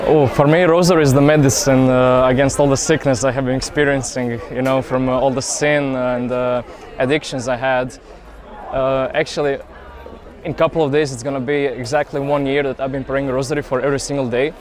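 A young man from Croatia, answering interview questions at an outdoor festival in an earnest, hesitant way, with many pauses and fillers. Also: medium pitch, steady tone, a faint crowd. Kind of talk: casual street interview. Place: outdoor youth festival grounds.

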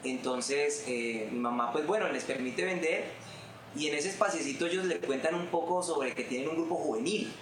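As a guest in an interview, a twentysomething musician with a Colombian accent gives a sincere, heartfelt testimony about his faith. His voice is a little high and a bit bright, at normal speed, and the room sounds roomy with background noise.

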